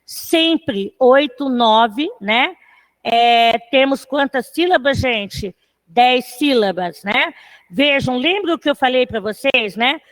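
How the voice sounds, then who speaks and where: Lady teacher, high voice, keeps tacking on little check-in questions, counts syllables out loud. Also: lively intonation. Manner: talks to students, with a tag question after most phrases; counts syllables aloud slowly. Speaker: literature teacher. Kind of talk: online class lecture.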